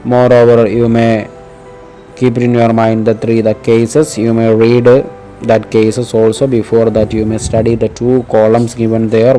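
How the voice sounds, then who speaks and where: A man's voice: medium pitch, mellow, poor audio. A man teaching a grammar lesson, addressing his students directly and repeating each example sentence. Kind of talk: grammar lesson narration over slides.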